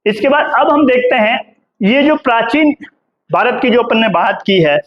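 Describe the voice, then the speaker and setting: An extremely high-pitched, animated male voice at a moderate pace belongs to a middle-aged history professor from India lecturing his class on lo-fi audio. He quizzes the students and answers his own questions, calling them "beta" and repeatedly adding "hai na."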